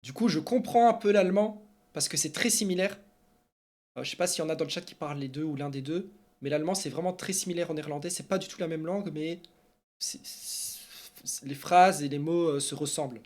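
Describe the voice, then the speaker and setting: Answering viewers while streaming esports news, a man from Belgium chats in an animated, rambling style full of fillers. He talks fast, his voice on the high side.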